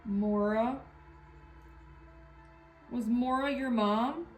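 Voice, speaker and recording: A woman's voice: a little high, drawn-out words, soft background music. A woman on a ghost hunt asking unscripted questions of spirits in a room indoors. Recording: echoey room, distant from the mic.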